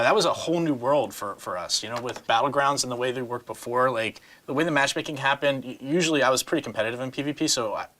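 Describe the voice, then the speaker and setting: Bright-voiced man chatting on a panel. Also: mid-range voice. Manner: laughs often, many fillers and restarts. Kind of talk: casual panel chat.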